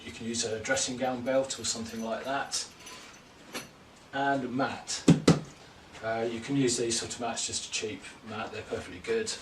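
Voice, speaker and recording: A man leads a gentle yoga class, slowly cueing each breath and movement in a calm voice. He sits at an ordinary pitch, picked up by a distant mic in a reverberant room with faint background ambience. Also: heavy background noise. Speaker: yoga teacher. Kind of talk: guided yoga class instruction.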